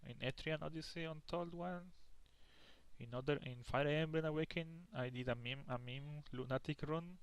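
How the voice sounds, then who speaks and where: A man's voice: a little high, moderate pace, clear, resonant tone, no echo. A young man giving casual gameplay commentary, rambling and tired, with lots of restarts and the odd curse word. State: tired, yawning. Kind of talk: casual let's play commentary.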